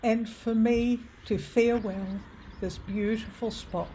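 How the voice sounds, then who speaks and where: A fairly high-pitched New Zealand woman with a steady, dark tone walks a hilly rural road, talking to her handheld camera. Her vlog chat is casual, unhurried and admiring, a touch breathless, with outdoor ambient noise.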